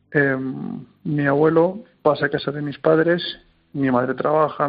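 A young man with a slightly high, gravelly, husky voice speaks as an interview guest. He tells his story casually and hesitantly, restarting his sentences as he goes. Faint music sits behind him. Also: lo-fi sound. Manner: hesitant, many restarts, emotional.

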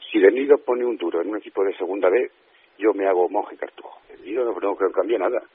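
A man's voice: deep voice, quick pace, husky, no echo. A man with a Spanish accent from Spain, a radio guest speaking on the phone, indignant and emphatic, often repeating himself. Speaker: interview guest. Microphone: telephone. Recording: tinny phone line.

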